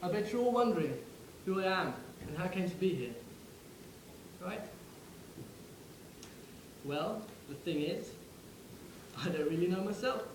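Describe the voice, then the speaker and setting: A man's voice: high-pitched, expressive, measured pace, long pauses, reverberant, background noise. A man playing the ghost of a young soldier from the First World War, who speaks wryly and directly to the listener. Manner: wry, conversational, addresses the listener directly. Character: ghost of a young English WWI soldier, wry. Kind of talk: theatrical monologue.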